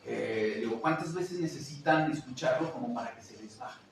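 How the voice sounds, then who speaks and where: Animated man telling stories in a roomy echo. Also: mid-range voice, moderate pace, gravelly, distant mic. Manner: animated, acts out quoted voices and laughs often. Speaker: teacher. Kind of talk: casual chat, telling classroom stories. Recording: roomy echo, away from the mic, faint noise.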